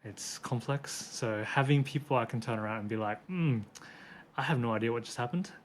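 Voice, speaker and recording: A man's voice: mid-range voice, a little fast, a little hiss or hum. A man in his twenties with an Australian accent, chatting casually as a podcast guest, laughing easily and joking about himself. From born in Hong Kong, raised in Brisbane, Australia. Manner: chatty, laughs easily, self-deprecating asides. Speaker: physiotherapist guest.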